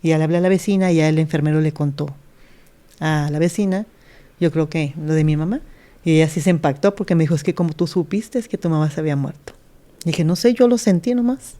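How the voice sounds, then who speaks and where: Lady pastor telling her story, mellow lowish voice, earnest, acts out what people said. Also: steady tone, fast. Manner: earnest, retells scenes by acting out quoted speech. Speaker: pastor, guest. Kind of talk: telling a personal life story in an interview.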